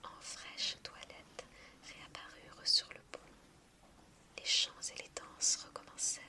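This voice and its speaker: A woman whispers a bedtime audiobook in a quiet, hushed night-time ASMR manner. Her reading is very slow and measured. The whisper is crisp and bright, with strong sibilant edges. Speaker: narrator reading a novel aloud.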